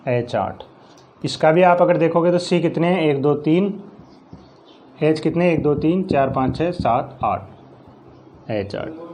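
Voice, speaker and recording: Higher-voiced male teacher explaining step by step. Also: dark tone. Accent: Rajasthani Hindi. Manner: explains step by step, counts aloud, asks and answers himself. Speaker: science teacher. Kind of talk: classroom chemistry lesson.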